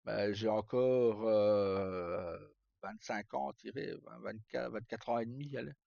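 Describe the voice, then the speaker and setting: A male live streamer with a lowish, dark voice and vocal fry talks at a measured pace, chatting casually and unscripted to viewers. His speech is sweary and colloquial, in short broken-off phrases, over a dull roomy sound with faint game music.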